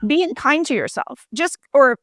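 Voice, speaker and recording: Reflective woman physician explaining calmly. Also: high-pitched, measured pace, dry recording, clean studio sound. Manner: reflective, explanatory, many fillers. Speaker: physician and mindfulness coach, podcast guest. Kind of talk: conversational interview.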